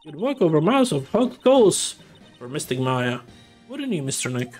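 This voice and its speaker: A man voicing a sweet, shy little girl who talks softly and politely. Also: on the high side, big pitch swings, moderate pace, faint music behind.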